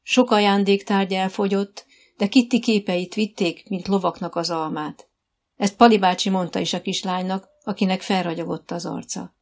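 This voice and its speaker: A woman narrating an audiobook in an even, measured storytelling manner. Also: medium pitch. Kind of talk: scripted narration.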